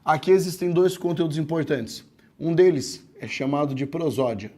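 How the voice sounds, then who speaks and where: A man teaching a grammar lesson, explaining step by step, asking the class questions, and slowing down to break words into syllables. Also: on the high side, a little mellow. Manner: slows down to spell out words syllable by syllable. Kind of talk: classroom lecture.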